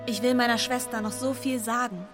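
Actress doing a young fighter girl, quiet and even. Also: a little high, brisk, loud music behind the voice, close to an everyday voice. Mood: tender. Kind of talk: audio drama acting.

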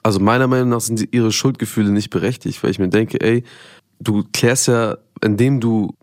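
A male host speaking casually, his voice on the lower side and recorded dry and close to the mic. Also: fairly even intonation, a little fast, a little mellow, no room sound. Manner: casual, conversational. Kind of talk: casual show talk.

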